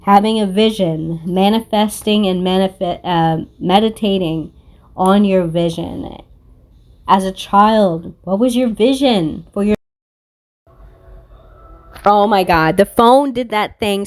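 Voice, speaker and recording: Her voice is mid-range and a little slow as she gives a casual tarot reading, cursing freely and staying blunt and confrontational. She creates spiritual content and reads cards.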